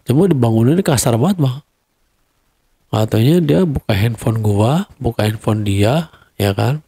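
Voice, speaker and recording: A young man with a Jakarta accent telling a personal story in a casual, animated way. He acts out quarrels in a raised voice. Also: mid-range voice, measured pace, husky, no echo.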